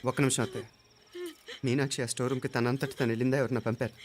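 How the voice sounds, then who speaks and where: A man's voice: mid-range voice, flat delivery, very fast, close to an everyday voice. An actor playing a stern young man who sharply interrogates a servant in a film scene. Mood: interrogating. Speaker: film hero. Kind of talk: Telugu film acting.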